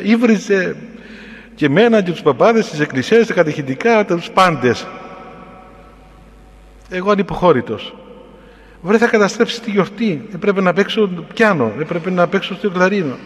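A Cypriot-accented clergyman preaching through a personal anecdote, his voice sitting a little high for a man. He talks in an unhurried, reflective way. The sound trails off in a long hall reverb. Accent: Cypriot Greek. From Cyprus. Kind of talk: sermon-style personal storytelling.

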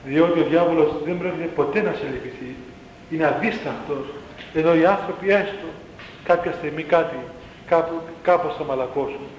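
Monk telling stories in an echoey hall. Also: male voice, on the high side, slight background noise. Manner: animated storyteller, acting out the quoted voices. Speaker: monk recounting memories of an elder. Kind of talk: spoken storytelling talk. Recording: echoey hall, dull faint ambience.

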